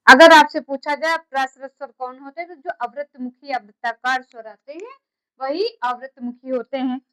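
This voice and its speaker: A woman's voice: sits high, normal speed, sharp tone, poor audio. A woman teaching a class, repeating key terms and quizzing her students with questions. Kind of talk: classroom lecture.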